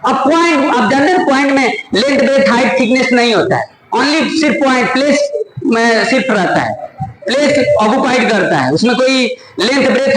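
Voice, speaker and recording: A man teaching math to a class, explaining step by step and teasing and scolding students, checking often that they follow. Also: very high-pitched. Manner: scolding and joking with students, repeated check-ins. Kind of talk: classroom lecture. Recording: echoey classroom with student chatter.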